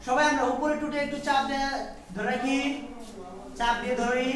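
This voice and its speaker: A woman's voice: high voice, fairly even intonation, brisk, a crowd in the background. A woman teaching English pronunciation to a class, drilling sounds by repetition and quizzing the students. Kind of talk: classroom lesson with call-and-response drills. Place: large echoey classroom. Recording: very echoey classroom from far off. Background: class of students responding.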